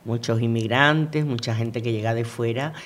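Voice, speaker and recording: A Venezuelan man co-hosts a casual chat in a local radio studio, rambling and repeating words as he searches for them. His medium-pitched voice is steady, a bit bright, and moves at normal speed.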